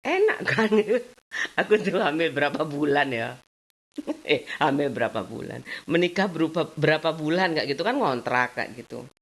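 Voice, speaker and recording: A woman's voice: sits low, lively intonation, normal speed. A woman chatting casually in her home vlog, laughing often. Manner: chatty, laughs often, mixes in Javanese words. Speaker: vlogger.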